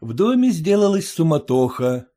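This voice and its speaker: A male narrator reads at a measured pace, with a mellow, dark voice. His pitch moves a lot as he reads. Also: sing-song. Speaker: audiobook reader. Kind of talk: scripted narration.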